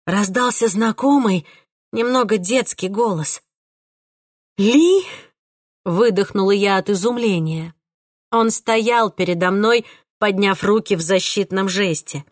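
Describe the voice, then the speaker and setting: A woman narrating a first-person audiobook with an emotional, expressive delivery. Her pitch sits in the middle range. The recording is dry and close, with no room echo. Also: a little slow.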